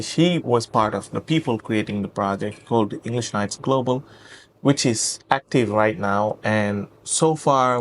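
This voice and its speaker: A man's voice: mid-range voice, slight background noise. A man in his twenties from Senegal, hosting a casual interview chat, often laughing and saying "yeah". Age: 20s. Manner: warm praising, laughs often, repeats "yeah". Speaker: host and project founder.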